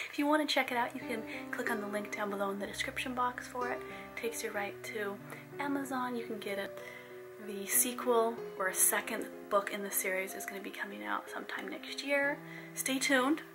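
A woman's voice: on the high side, lively intonation, a little fast, music in the background. A young woman, an author and host, chatting casually to her viewers in a bubbly way. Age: young adult. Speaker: romance author and channel host. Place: small indoor room, on a sofa.

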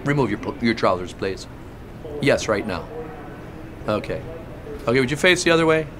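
A man's voice: medium pitch, big pitch swings, normal speed, a crowd in the background, close to an everyday voice. A male comedian playing a pushy, leering airport security guard, talking in a sarcastic, interrogating, mock-official manner. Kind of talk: comedic character monologue.

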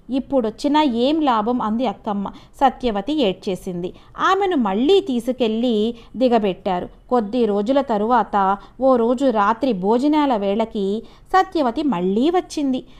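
Telugu woman lecturer reading a story aloud. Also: a little high. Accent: Telugu regional (Andhra).

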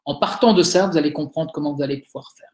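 A man's voice: fairly high pitch, quick pace, darkish tone. Man with a Liège accent, roomy sound. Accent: Liège Belgian French. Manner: chatty and encouraging, frequent hesitations. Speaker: webinar speaker, digital agency owner. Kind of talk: live webinar Q&A answers. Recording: roomy webinar audio.

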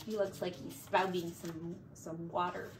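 A middle-aged woman teacher with a voice on the low side reads a picture book aloud to children in an expressive, deliberate, animated style. She's in a small room at home, recorded by a camera a few feet away, with faint background noise.

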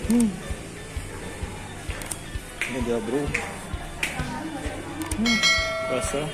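Casting: male vlogger, thirties, informal buddy-style chat, medium pitch, prominent music underneath. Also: sing-song, very slow. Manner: informal, repeatedly addressing viewers as bro. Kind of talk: casual vlog chat.

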